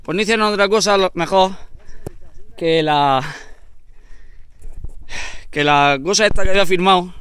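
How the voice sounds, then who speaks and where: A man with a Spanish accent from Spain telling an old local tale outdoors in the hills. His voice sits a little high, bright and very clear. He rambles and jokes as he goes, with plenty of fillers. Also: moderate pace, long pauses, dry recording. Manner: rambling, joking, full of fillers. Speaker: mountain biker telling a local legend. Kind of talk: casual storytelling.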